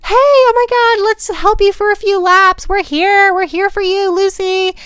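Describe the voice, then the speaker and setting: A woman's voice: extremely high pitch, steady tone, measured pace, fairly bright tone, no echo, studio quality, pitched above the performer's own voice. A woman putting on the voices of perky, upbeat young women cheering on a teammate, in a bubbly, squealing way.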